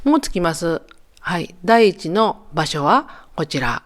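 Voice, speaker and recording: A woman's voice: lowish voice, sing-song, slow pace. A woman in her sixties with a Kansai accent, narrating her travel vlog in a chatty, joking way, as if talking to friends. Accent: Kansai Japanese. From Japan. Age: 60s. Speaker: travel vlogger. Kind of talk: casual voice-over narration.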